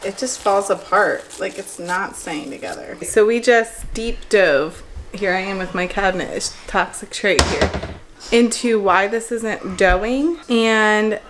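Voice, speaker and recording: With a noisy background behind her, a young woman chats casually during a bake-along vlog in her home kitchen, thinking aloud and teasing herself. She is a lifestyle vlogger with a medium-pitched voice and an unhurried pace, recorded by a camera at close range.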